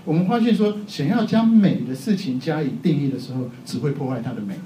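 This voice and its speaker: A middle-aged man preaches a sermon in a relaxed, joking manner, laughing often at himself. His voice sits fairly high and sounds mellow. He is picked up from a distance in a roomy, echoing hall. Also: fast. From Taiwan. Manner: chatty, self-mocking, laughs often. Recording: echoey hall, faint background noise.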